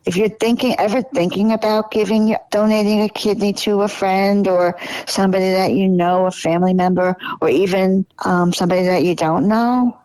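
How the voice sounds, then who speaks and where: A woman's voice: medium pitch, darkish tone, dry recording, low-quality recording. Chatty woman in her sixties, repeating herself. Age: 60s. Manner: chatty, repeats phrases, trails off mid-sentence. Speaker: podcast guest. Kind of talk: casual conversation.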